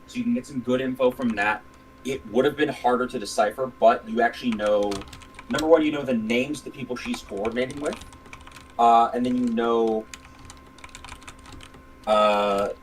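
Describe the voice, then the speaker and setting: A man's voice: mid-range voice, steady tone, moderate pace, pauses often, poor audio. Rambling male game master, faint hum. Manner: rambling, many fillers and restarts. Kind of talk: narrating a tabletop game.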